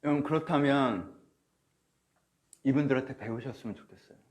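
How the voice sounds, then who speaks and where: A man's voice: medium pitch, a little fast. A male pastor preaching a sermon through a face mask, slightly muffled, addressing listeners directly with questions and acting out inner thoughts. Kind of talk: sermon to a congregation, preached online. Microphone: speaking through a face mask.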